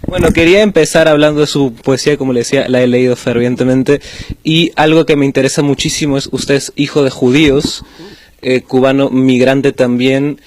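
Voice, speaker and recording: A man, hosting the show, introducing his guest and asking interview questions, filling pauses with "eh". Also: mid-range voice, steady tone, a little mellow. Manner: welcoming, fills pauses with "eh". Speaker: host.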